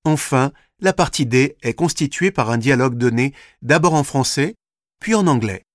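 A man slowly reading a scripted language course, with careful, deliberate articulation. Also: mid-range voice, animated, no room sound, clean studio sound. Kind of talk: scripted instructional narration.

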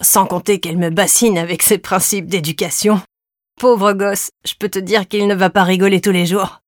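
A woman's voice: mid-range voice, fairly even intonation, moderate pace, dry recording, close to an everyday voice. A woman reader voicing a wry, joking young husband in an audiobook. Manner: dry, mocking tone.

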